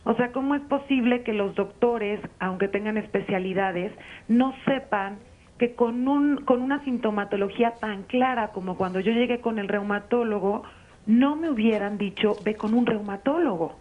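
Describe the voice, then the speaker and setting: A woman speaks over a telephone line that sounds dull and muffled. She tells her story earnestly and at length, often pausing and restarting as she hunts for words, at an everyday mid-range pitch. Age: 40s. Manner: long, earnest account with many hesitations. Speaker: caller. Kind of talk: live call-in testimony.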